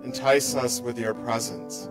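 Man, middle-aged, pastor, sermon, slow, earnest, church pulpit. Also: mid-range voice, over music. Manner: slow, measured and earnest, voice dropping softly at line ends. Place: church sanctuary, behind a wooden pulpit.

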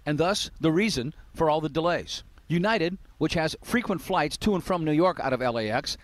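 An older American man works as a television news correspondent with a handheld microphone, delivering a live report and scripted narration from an airport terminal and curbside. His voice is on the high side and expressive, at normal speed, in a dry recording.

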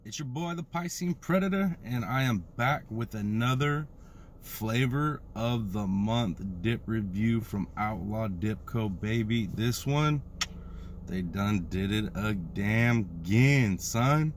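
An American man in his thirties giving a casual vlog review with slang and drawn-out, hyped catchphrases. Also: fairly low pitch. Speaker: product reviewer. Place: inside a parked car. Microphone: phone at arm's length. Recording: noticeable background noise inside a car.

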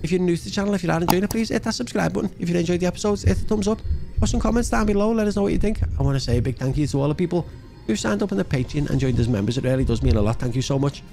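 Soft music plays behind a man with a high, warm, creaky voice who races along with lively intonation and hardly any pauses. He's a gaming channel host in his thirties or forties, giving casual let's-play commentary and thinking aloud into a close desk mic indoors.

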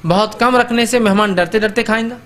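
Male religious lecturer, high pitched, chatty delivery that acts out exchanges and keeps checking in with listeners, faint background noise. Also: fairly quick, fairly bright tone. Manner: conversational, acts out host-guest exchanges.

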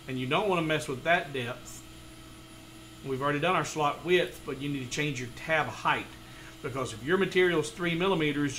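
A man in his forties walking through a woodworking design file step by step, with relaxed explanations and frequent fillers. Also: fairly high pitch, a little hiss or hum, low-quality recording. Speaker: woodworking tutorial host. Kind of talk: screen-recorded software tutorial. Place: home studio room.

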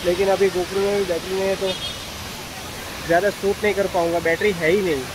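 A young man vlogging casually outdoors in the rain, excitedly pointing out the waterfalls to viewers as he films on a handheld camera. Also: sits high, brisk. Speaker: travel vlogger. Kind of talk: casual travel vlog. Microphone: handheld phone or action camera. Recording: loud outdoor noise of rain and falling water.

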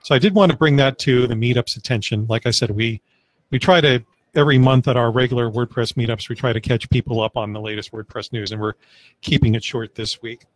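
A man's voice: medium pitch, brisk, no room sound, low-quality recording. Man, meetup organizer, online call mic, loose and rambling, plenty of ums. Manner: relaxed, rambling, with fillers and restarts. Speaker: meetup organizer presenting news. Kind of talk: casual online meetup presentation.

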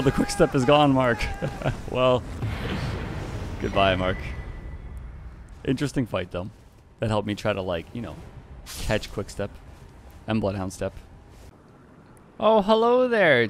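A man's voice: on the low side, background noise. A man giving casual, playful commentary over his own gameplay, chuckling often and greeting the players he meets. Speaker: gaming YouTuber.

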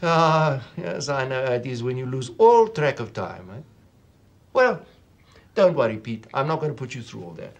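A man's voice: mid-range voice, sing-song, moderate pace. An actor playing a smug, menacing male police interrogator who speaks in a coolly bureaucratic, mocking way. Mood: menacing mockery.

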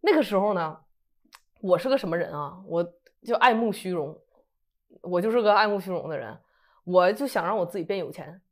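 A woman, telling her testimony in a lively, chatty way. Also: lowish voice, brisk. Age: 30s. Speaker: guest sharing a testimony. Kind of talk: casual testimony storytelling.

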